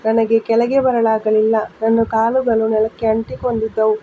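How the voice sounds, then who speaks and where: A woman reading a scripted first-person story in an even, measured manner. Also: a little high. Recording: dull lo-fi with faint hiss.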